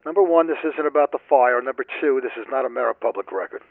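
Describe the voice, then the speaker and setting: A man voicing a tough gravelly interrogator. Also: mid-range voice, fast talker, no room sound, natural voice. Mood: pressing. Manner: firm, pressing and commanding. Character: tough male defense force interrogator. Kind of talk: amateur audio drama acting. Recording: dull lo-fi recording.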